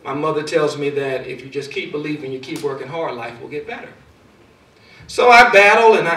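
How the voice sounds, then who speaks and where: A man giving a motivational speech, telling a personal story, his loudness rising and falling for effect. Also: on the high side. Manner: storytelling with dramatic swings in loudness. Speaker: speaker. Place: large hall. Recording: echoey hall, far from mic.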